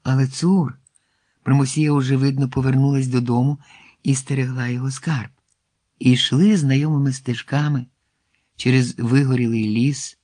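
A man's voice: medium pitch, no room sound. Man reading a fairy tale aloud. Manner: expressive, hushed at tense moments. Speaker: narrator. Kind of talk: storybook reading.

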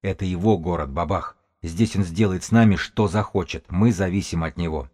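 A small, wiry runner, as a man voices him, argues with insistent, cutting force. The voice stays low and mellow in this audiobook reading. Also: moderate pace. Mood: angry. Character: small, wiry, angry male runner, sharp-minded.

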